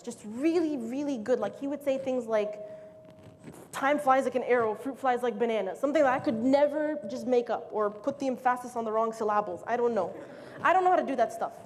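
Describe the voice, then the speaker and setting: A young woman giving a casual, lively, joking motivational talk to an audience. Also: high voice. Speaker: speaker. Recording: echoey hall, faint noise.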